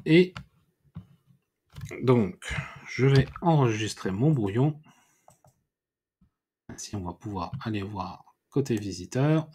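A man giving a screen-recorded software tutorial, thinking aloud and correcting himself as he clicks through menus. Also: lowish voice, lively intonation, breathy edge. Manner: unhurried, thinking aloud with many fillers and self-corrections. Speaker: WordPress tutorial instructor.

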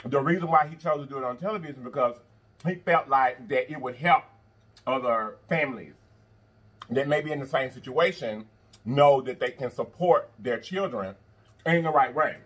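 A man in his thirties with a husky voice, chatting casually as he hosts an eating show. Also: medium pitch, normal speed, fairly bright tone. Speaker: mukbang show host. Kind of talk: casual chat while eating. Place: indoor studio, seated at a table of food.

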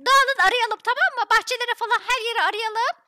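A woman in a casual roleplay game session, with a very high voice and excitable energy. She keeps organizing the others with quick commands. The sound is close and dry, with no room echo. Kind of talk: casual gaming roleplay chat.

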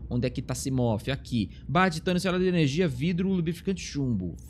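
A young man with a Brazilian Portuguese accent livestreams a survival game, talking fast and expressively in a slightly high voice. He chats to himself and thanks viewers in the chat, with game music playing behind him and slight background noise.

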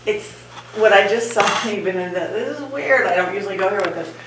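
A woman guiding a séance in casual, halting speech, trailing off in the middle of her thoughts. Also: mid-range voice, noisy background. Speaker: séance leader, medium. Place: dark cluttered room indoors on a ship. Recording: humming, echoey, distant camera mic.

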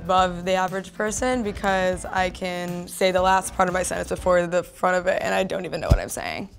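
A woman's voice: fairly low pitch, brisk, gravelly, faint music behind. A woman giving a casual self-introduction as a dating show contestant.

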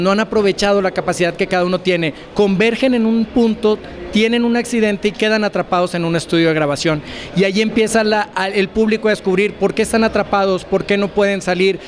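Higher-voiced man in a press interview. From Mexico. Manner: thoughtful, hesitant with fillers. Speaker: actor and co-producer. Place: event press wall, indoors. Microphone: handheld reporter mic.

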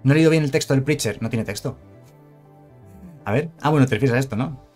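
A man talks through a card game on a casual live stream, his voice at an ordinary middle pitch. He rambles in a chatty way, wanders into asides and corrects himself often. Faint music plays quietly behind him. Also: quick pace.

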